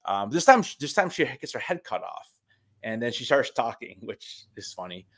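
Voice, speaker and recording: A man's voice: medium pitch, very animated, normal speed, a bit bright. A man hosting a live TV review, thinking aloud tentatively in casual chat.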